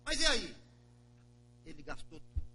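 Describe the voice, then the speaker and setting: A man voicing an eager farm servant excitedly reporting news. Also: sits high, measured pace, a little hiss or hum, voice pushed up.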